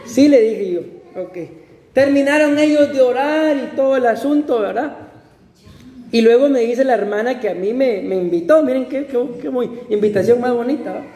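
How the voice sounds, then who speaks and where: A man's voice: very high-pitched, normal speed, dark tone. A man preaching a sermon as pastor, talking in a conversational, jokey way and asking his congregation rhetorical questions. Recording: roomy hall reverb, faint background ambience.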